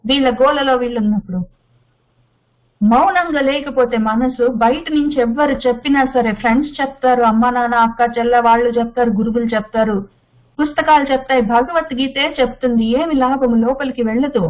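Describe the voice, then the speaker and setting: High-pitched woman, spiritual teacher, measured listing delivery, dull lo-fi recording. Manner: unhurried, repetitive listing with rhetorical questions. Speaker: Bhagavad Gita teacher. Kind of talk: spiritual discourse. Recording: dull lo-fi sound.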